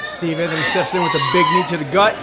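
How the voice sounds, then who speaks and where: High-voiced male wrestling analyst amid heavy crowd noise. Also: fairly even intonation, quick pace. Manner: emphatic, repeats phrases. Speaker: wrestling commentator. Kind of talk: opinionated analytical wrestling commentary. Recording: very noisy, loud crowd throughout. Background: loud crowd.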